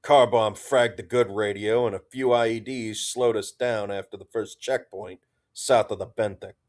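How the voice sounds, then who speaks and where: A man's voice: lowish voice, fairly even intonation, moderate pace, natural voice. A man voicing a wry woman major. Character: wry woman major, squad leader, sardonic.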